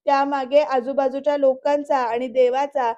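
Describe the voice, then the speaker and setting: A devout, outspoken young wife from a TV serial, read aloud by a woman. She asks pointed, firm questions. The voice stays high and level over slightly dull audio. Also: little pitch movement, moderate pace, warm tone, natural voice.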